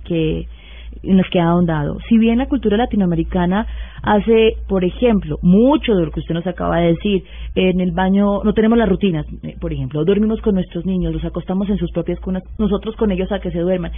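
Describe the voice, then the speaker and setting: A man's voice: sits high, a little fast. Male host on a tinny line. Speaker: radio host. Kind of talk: radio interview. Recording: phone-like narrow band.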